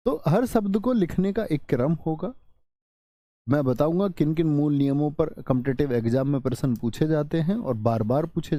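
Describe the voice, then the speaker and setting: A man's voice: on the high side, mellow, dry recording. A man teaching a Hindi exam-prep class, drilling sounds aloud and quizzing his students as he goes.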